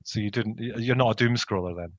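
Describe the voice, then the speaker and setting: Man, lowish pitch, podcast host, informal bantering chat, jokey manner, dry sound. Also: quick pace, dry recording, highs cut off.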